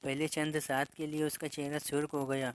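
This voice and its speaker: A man's voice: a little high, monotone, a little hiss or hum, low-quality recording. A man narrating a first-person horror story, with a dramatic reading style that often stumbles and restarts phrases.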